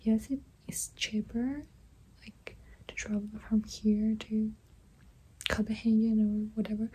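A woman in her twenties from Greece, vlogging to a phone at arm's length in a small bedroom, her voice gone so she talks in a hoarse whisper. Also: a little high, rough recording. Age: 20s. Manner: softly whispered, breathy delivery. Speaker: exchange student vlogger. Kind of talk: casual vlog talk to camera. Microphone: phone camera at arm's length.

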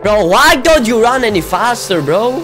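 A young man giving casual, excitable let's-play commentary, often yelling at the game. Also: very high-pitched, moderate pace, soft background music. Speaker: gaming video creator.

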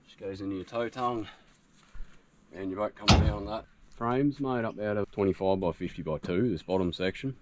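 An Australian man in his thirties vlogs a casual walkthrough of a homemade build in a grassy bush camp. He has a lowish voice and a moderate pace, and he talks in a relaxed, practical way with lots of fillers while outdoor noise sounds around him.

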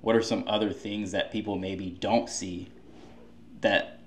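A man's voice: on the low side, level tone, a little slow, a little hiss or hum. A man hosting a casual interview, conversational and a bit sarcastic, with many fillers.

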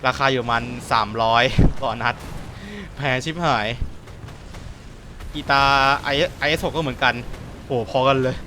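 A man giving casual commentary on his own tank game match, excitable, often exclaiming and swearing. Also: mid-range voice, unhurried, pauses often, a little hiss or hum. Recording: voice over loud game gunfire and engines. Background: tank game artillery and vehicle sounds.

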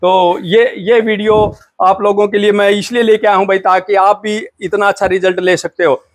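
A man's voice: sits high, fairly even intonation, normal speed. A man from India hosting a buffalo farming channel, talking to viewers in a folksy, friendly way. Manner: folksy, addresses viewers as brothers. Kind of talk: casual farm interview.

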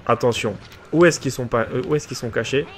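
Excitable man in let's play commentary. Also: mid-range voice, fairly quick, soft background music. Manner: excitable, joking, teasing the enemy players; chatty with viewers. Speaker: gaming video creator.

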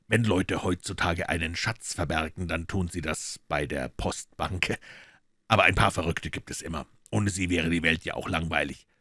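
A man doing Sherlock Holmes, low and dry. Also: fairly bright tone, dry recording. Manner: low, measured, dryly ironic. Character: Sherlock Holmes, cool calm detective, man.

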